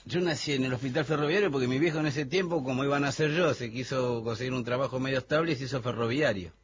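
Hoarse Argentine radio presenter, faint hum. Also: male voice, mid-range voice, quick pace, dull audio. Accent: Argentine Spanish. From Buenos Aires, Argentina. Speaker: radio co-host, music presenter. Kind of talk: casual radio chat.

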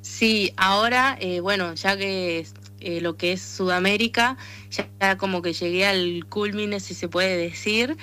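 She's an athlete, an arm wrestler and association president, talking on a conversational radio interview in the Tucumán accent of northern Argentina. Her mid-range voice sounds unhurried, bright and forceful.

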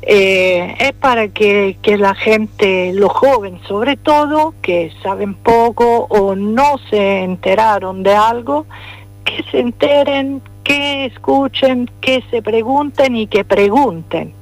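A woman from Rome with an Italian accent speaks Spanish as a non-native speaker, a playwright and poet giving a radio interview while pausing often to search for words. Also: on the high side, no room sound, faint music behind. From Italy, Rome. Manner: hesitant, searching for words with many fillers.

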